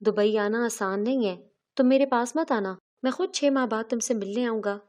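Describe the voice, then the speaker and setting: Woman voicing a suspicious husband, storybook reading, accusing, sharp, evasive, fairly high voice. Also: natural voice. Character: suspicious, angry husband working abroad.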